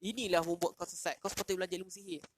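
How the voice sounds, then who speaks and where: A man's voice: sits high, fairly even intonation, rapid-fire, slight background noise, close to an everyday voice. Man doing an angry proud old king.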